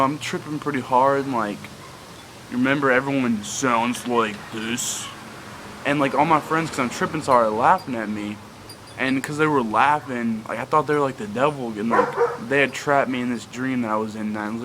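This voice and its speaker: A man's voice: medium pitch, pushed and bright, a little hiss or hum, rough recording. Rambling young man telling a story. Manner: rambling, heavy use of "like". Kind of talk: casual storytelling.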